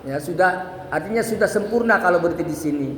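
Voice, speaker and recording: High-voiced man teaching recitation, echoey hall. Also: animated, a bit bright, slight background noise. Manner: brisk explaining that breaks into slow, melodic chanting to demonstrate. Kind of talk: religious lesson on Quran recitation. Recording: echoey hall with long reverb and faint ambience.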